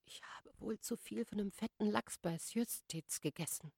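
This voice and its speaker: A woman's voice: mid-range voice, moderate pace, creaky, breathy edge, dry recording, clean studio sound, pitched above the performer's own voice. Seasick lady of the house, anxious and sighing, read by a female narrator. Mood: weary. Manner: sighing, hushed. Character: worried seasick mother, a gentry lady.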